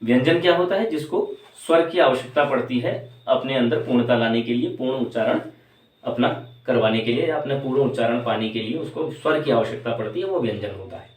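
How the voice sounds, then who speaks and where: A man gives an exam-prep lesson, asking his own questions and answering them step by step. His voice is mid-pitched. It sounds roomy and a little distant from the mic. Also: a little fast. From Uttarakhand, India. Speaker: teacher. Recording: echoey room, voice from away from the mic.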